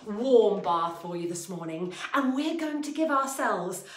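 A woman in her thirties presenting a drama class to young children in an exaggerated, overbright kids party host manner, theatrical and expressive. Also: mid-range voice, measured pace. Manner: theatrical, expressive, acting out emotions. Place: attic-style studio room, indoors. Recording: roomy echo, music at times.

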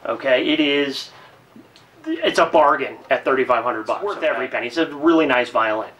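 Man, casual gear review, rambling, fillers, mic a little distant, mid-pitched. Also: brisk, fairly bright tone, highs cut off. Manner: chatty, rambling with many fillers and restarts; breezy upbeat sign-off.

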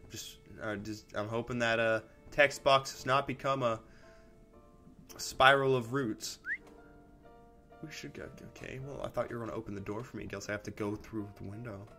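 A man's voice: mid-range voice, fairly even intonation, normal speed, pushed and bright, soft background music. Rambling man narrating a game. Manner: rambling, restarts, reacts aloud to the game. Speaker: gamer. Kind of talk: let's play commentary.

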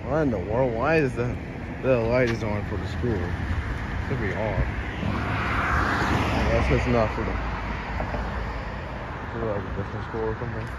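Rambling man filming outside, loud traffic. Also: fairly low pitch, measured pace, long pauses. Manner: rambling, repeats words while searching for them. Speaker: vlogger exploring abandoned buildings. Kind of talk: casual handheld walkthrough narration. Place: outdoors on a city street beside an empty restaurant building. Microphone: handheld phone camera. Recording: loud traffic noise outdoors. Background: passing cars and street ambience.

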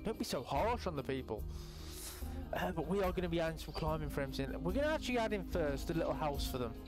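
A young man giving casual, excitable gameplay commentary, chatting and swearing freely to his viewers. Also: on the high side, fast talker, music in the background. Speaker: gaming YouTuber.

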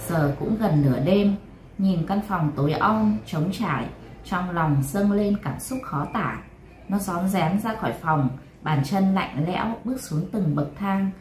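Calm woman reading late-night stories. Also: mid-range voice. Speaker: storyteller host. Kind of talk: late-night story narration. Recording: roomy echo, faint noise.

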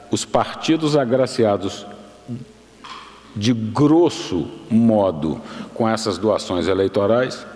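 A Brazilian man in his sixties giving a formal lecture from a lectern in a large university auditorium, measured and explanatory, often restarting and correcting himself. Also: medium pitch, a little mellow. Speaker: guest lecturer. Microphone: lectern microphone. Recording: long hall reverb.

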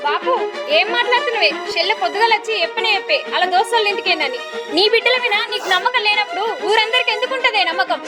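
A woman's voice: very high voice, lively intonation, fast talker, loud music behind the voice, a loud crowd. A woman playing a protective elder daughter. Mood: pleading. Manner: pleading, defending her sister. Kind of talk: village drama acting.

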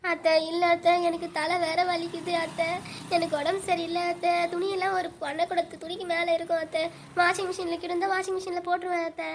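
Woman doing a high fast whiny daughter-in-law, pleading, comedy skit. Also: fairly even intonation, fairly bright tone, slight background noise. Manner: pleading, repeating "aunt" in every line. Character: whiny young daughter-in-law faking illness.

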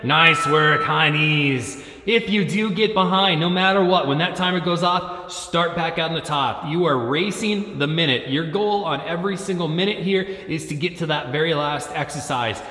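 A man's voice: on the high side, fairly bright tone. A man in his thirties coaching a workout with short, commanding, motivational gym-coach cues, recorded in a large echoey gym. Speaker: fitness coach leading a timed home workout. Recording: echoey, reverberant gym hall.

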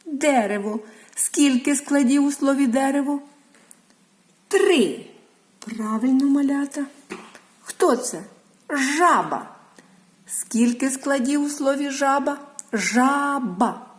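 A woman teaching a lesson to young children, speaking slowly and drawing out each syllable in a sing-song way. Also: high-pitched, darkish tone. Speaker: preschool teacher.

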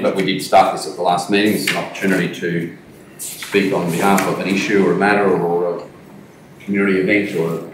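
A very deep-voiced man chairs a council meeting in a measured, even way. He is picked up from across a large, echoing council chamber, with steady room noise under his voice. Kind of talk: formal meeting discussion. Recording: echoey chamber, distant mic, noisy.

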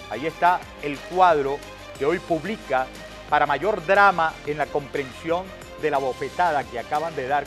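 In a TV studio, a middle-aged man with a Venezuelan accent and a fairly high voice hosts a news show. As he reads the reports aloud, he adds indignant, sarcastic commentary and fires off emphatic rhetorical questions.

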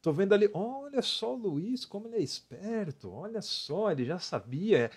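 A man's voice: high-pitched, moderate pace, breathy edge. A man with a Brazilian Portuguese accent teaching an English lesson live, talking with his viewers in a chatty way and reading their comments aloud. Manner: chatty, often ends phrases with "né?", lively emphasis on examples.

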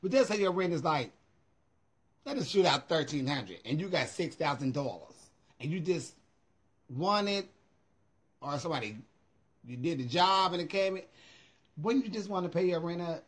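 A man's voice: a little high, animated, normal speed, pauses often, breathy edge. A middle-aged American man chatting casually on a livestream in a sassy, emphatic way, swearing freely, recorded on a phone in a room at home. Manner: sassy, emphatic, profanity-laced. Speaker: vlogger. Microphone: phone at arm's length.

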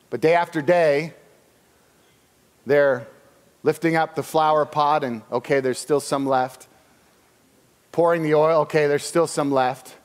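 A man with a high voice preaching a sermon. He retells the story in a lively way and slips into the voices of its people. The sound carries a long reverb, as in a big church hall. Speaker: pastor.

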